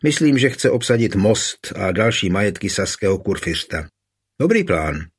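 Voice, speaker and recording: Guy reading as a guilty young husband, quiet, low and husky, audiobook. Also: very animated. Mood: earnest pleading. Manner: quiet, downcast.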